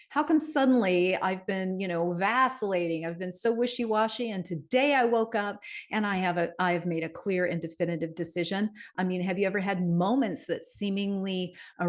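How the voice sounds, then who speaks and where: A woman's voice: on the low side, darkish tone. A middle-aged woman giving a casual monthly numerology forecast, chatty, with many fillers and tag questions. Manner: chatty, frequent "right?" and fillers, light laughs.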